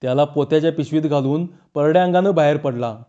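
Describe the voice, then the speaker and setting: Male storyteller, slightly high, warm tone, dull lo-fi recording. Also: quick pace. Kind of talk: reading a rural folk tale.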